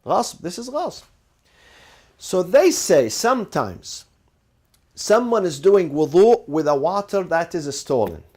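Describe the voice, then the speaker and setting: This lecturer's voice is high-pitched, a little mellow and very animated, though he speaks slowly. Teaching his class, he raises rhetorical questions, responds to them, repeats important phrases and drops in Arabic legal terms.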